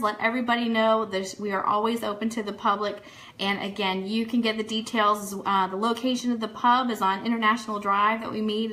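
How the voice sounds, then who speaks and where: In a studio, a woman hosts a live online radio show, running through fan news and announcements with upbeat enthusiasm and speaking directly to listeners. Her voice is a little high, pushed and bright.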